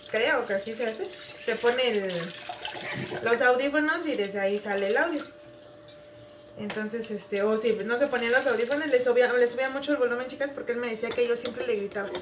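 Chatty mom, high roomy voice. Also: female voice, brisk, far from the mic, background noise. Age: adult, mother of a grown son. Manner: chatty, addresses viewers as "chicas", many fillers. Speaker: vlogger. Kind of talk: casual storytelling while washing dishes. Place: home kitchen. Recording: roomy, off-mic, with dish clatter. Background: dishes, pots and pans clattering.

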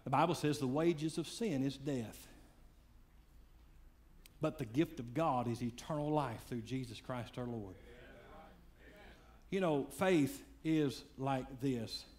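A man preaching a sermon, swinging between loud fiery calls and hushed, quiet lines. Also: mid-range voice, slow, pauses often. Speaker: pastor.

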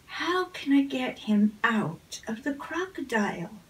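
A woman voicing a cheerful, helpful female goose in a storybook, bright and eager. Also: high voice, very animated, slow pace, recorded from a distance, exaggerated voice, low-quality recording. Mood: puzzled. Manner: bright and eager, cries out warnings.

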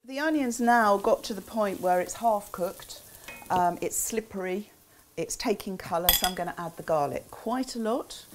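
An older woman with a relaxed, chatty manner, talking through a recipe in a small kitchen. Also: mid-range voice, moderate pace, noisy background. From England. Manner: chatty, relaxed asides with frequent ums. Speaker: cookbook author demonstrating a recipe. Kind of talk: casual cooking demonstration. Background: food sizzling in a pan.

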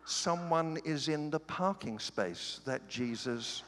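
A British man preaches with a playful, joking storytelling manner, his slightly high voice swooping up and down. His voice rings out through a large church with a long reverb tail. A faint ambient hum sits under it. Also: takes it slowly. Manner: animated, joking, playful asides. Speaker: guest pastor. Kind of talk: humorous sermon storytelling.

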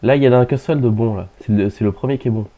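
A man's voice: medium pitch, racing, dark tone, slight background noise. A man in casual, offhand chat with friends while playing a game.

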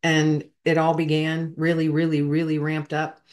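A woman's voice: low voice, completely flat delivery, normal speed, darkish tone. Heartfelt woman telling a story. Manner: heartfelt, rambling, addresses listeners as folks. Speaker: podcast host and veteran. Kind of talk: emotional storytelling monologue.

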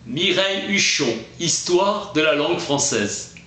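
A man's voice: on the high side, expressive, a little slow, bright, forceful tone. A man reading a book summary aloud as terse notes, with occasional restarts. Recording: echoey room with faint noise.

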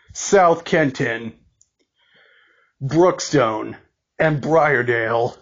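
Reading from a script, this man presents an emergency broadcast announcement formally and deliberately, stumbling and repeating himself in an amateurish way. His pitch is a little high, his voice slightly rough, and the audio quality is lo-fi.

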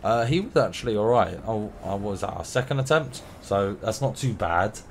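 Playing a game, a young man with a runny nose delivers casual, playful, rambling commentary as a gameplay streamer. His voice is on the low side, with lively intonation at normal speed. Noisy game audio runs underneath.

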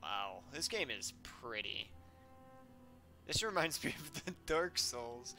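A man hosting a casual let's-play gaming video, excitable and full of exclamations. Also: mid-range voice, takes it slowly, creaky. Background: faint game music.

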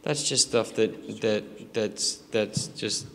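A man in his forties with an American accent, answering audience questions at a live screening Q&A, halting and rambling with lots of fillers and restarts. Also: on the low side, fairly bright tone. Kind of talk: casual live Q&A. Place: large theater in front of an audience. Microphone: handheld mic. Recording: long theater reverb, background noise.

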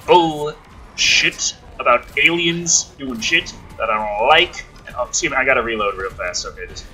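Bright, animated gaming commentator man. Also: mid-range voice, normal speed, slight background noise. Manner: rambling, profane and offhand. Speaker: gaming channel host. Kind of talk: casual let's-play commentary.

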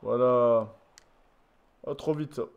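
A tired man commentating his own football video game match, swinging from low muttering to shouted goal calls. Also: slow, vocal fry, dull audio. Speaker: gaming YouTuber. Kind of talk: live gameplay commentary.

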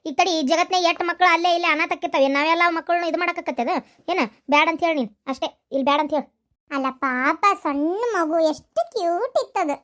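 A woman voicing a scolding mother-in-law in a cartoon, with a North Karnataka accent and a sharp, nagging way of talking. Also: extremely high pitch, fast. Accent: North Karnataka Kannada.

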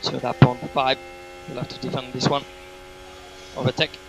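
A man's voice: mid-range voice, little pitch movement, moderate pace, gravelly, slight background noise, poor audio. A man working as race engineer, giving terse, repetitive, clipped instructions over race car team radio. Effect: team radio transmission.

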